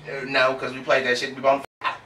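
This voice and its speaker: A man co-hosting a casual couple prank vlog, talking brashly and swearing a lot in loud banter. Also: medium pitch, completely flat delivery, a little fast, slight background noise. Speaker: vlog co-host. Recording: echoey room, mic at a distance, music underneath.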